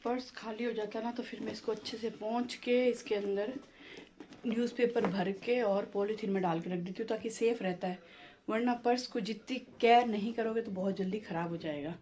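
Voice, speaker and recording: A woman's voice: medium pitch, steady tone, moderate pace, warm tone, a little hiss or hum. A middle-aged woman chatting casually to viewers in a home vlog, homely and talkative, often calling out "chaliye ji". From India. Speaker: vlogger.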